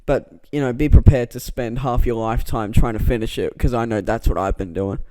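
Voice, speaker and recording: A man rambles through a casual vlog monologue at a middling pitch, tripping over his words and poking fun at himself. He is recorded on a close microphone in a dry indoor room, with plosives popping into it. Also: steady tone, fairly quick, dark tone, no room sound. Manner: stammering, rambling, self-deprecating. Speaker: vlogger. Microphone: close mic with plosive pops.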